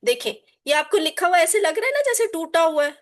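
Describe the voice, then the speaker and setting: In an online lesson, a female Quran Arabic teacher drills her class with call-and-response and repeated phrases, weaving in English terms. She speaks briskly and very animatedly. Her pitch is extremely high.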